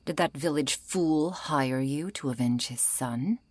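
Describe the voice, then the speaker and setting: In an ASMR roleplay, a woman plays a century-old female vampire, delivering an intimate scripted monologue. Her soft, breathy voice sits low, moves a little slowly, and often falls into a whisper, while she stays composed, wry, and politely menacing. There is no echo.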